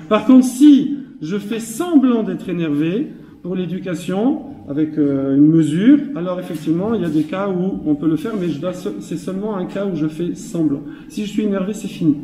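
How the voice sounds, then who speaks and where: A storytelling rabbi with a high, warm voice gives an informal Torah class full of anecdotes, repeating words for emphasis and chuckling often. He's recorded from a distance in an echoey hall.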